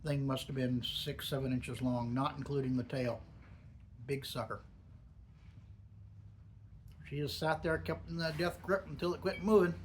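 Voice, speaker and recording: A man's voice: medium pitch, steady tone, moderate pace, pauses often, slight background noise. A man giving a casual, musing solo video review, talking with a lip full of dip. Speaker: product reviewer. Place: upstairs in a garage.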